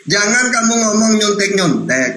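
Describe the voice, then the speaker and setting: A man's voice: sits high, expressive, normal speed, bright, forceful tone. A man hosting a live religious debate, teasing his opponent and cutting in often. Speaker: host answering questions on religion. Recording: echoey room with noise.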